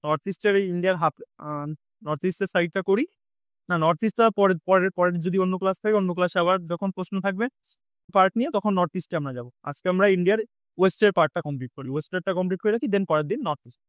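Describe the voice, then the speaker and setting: A man's voice: sits high, racing, clear, resonant tone, dry recording. A man teaching an exam-prep lesson, rattling off memory lists and checking in with his students again and again. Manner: drilling, repeats lists at speed with frequent "ঠিক আছে?" checks. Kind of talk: recorded online lesson.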